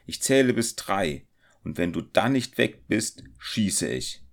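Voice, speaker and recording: A man reading aloud, voicing a bold huntsman who shouts warnings at robbers. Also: on the low side, sing-song, slow pace, vocal fry, pitched above the performer's own voice, exaggerated voice. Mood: defiant. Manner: defiant, raised voice. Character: bold young male huntsman, defiant.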